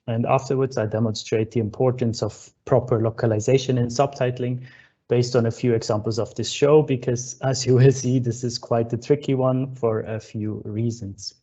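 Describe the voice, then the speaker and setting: A young man from Switzerland delivers a friendly conference keynote over a video call, using plenty of uh fillers. His mid-range, mellow voice keeps a fairly even intonation at normal speed. The online call audio sounds dull and lo-fi.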